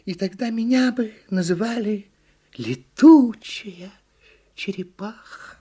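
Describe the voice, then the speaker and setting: A man's voice: sits high, slow pace, dark tone, slightly rough, voice pushed up, heavily acted. Man doing a small, know-it-all turtle. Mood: instructive. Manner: firm, lecturing, a little raised.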